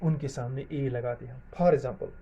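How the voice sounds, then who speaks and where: A man's voice: medium pitch, steady tone, a little slow, husky. A man teaching English grammar in a video lesson. He spells words out letter by letter and asks the class questions, then answers them himself. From Jammu and Kashmir. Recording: dull lo-fi sound.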